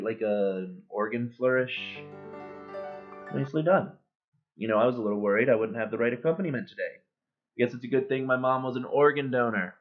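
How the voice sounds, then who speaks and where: A man cold-reading a bitter, sardonic middle-aged male horse who was once a star, joking in a deadpan way, recorded on a built-in webcam mic. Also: medium pitch, lightly acted. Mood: sardonic eulogy. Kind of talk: cold-read monologue. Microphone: built-in computer webcam mic. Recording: tinny, phone-like webcam audio.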